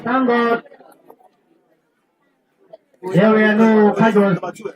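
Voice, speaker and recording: A man with a Nigerian accent giving live commentary at a youth football match, announcing slowly and deliberately. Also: sits high, level tone, far from the mic, dull audio, crowd noise.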